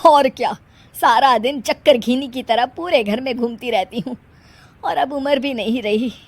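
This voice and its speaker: A woman's voice: sits high, normal speed. A woman voicing a weary, wry, grumbling older mother-in-law in a moral story. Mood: wry, surprised.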